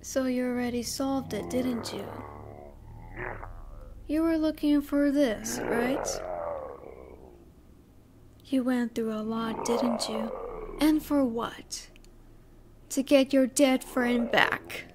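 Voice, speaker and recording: In an audio roleplay, a woman plays an obsessive, possessive scientist, coaxing the listener in a taunting mood with drawn-out words and breathy drops toward a whisper. Her voice sits fairly high, and the background is noisy.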